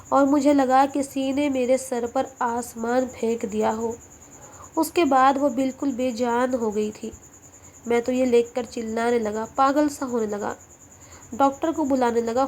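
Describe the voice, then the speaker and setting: A woman narrating a scripted emotional story in steady, dramatic first person. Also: on the high side.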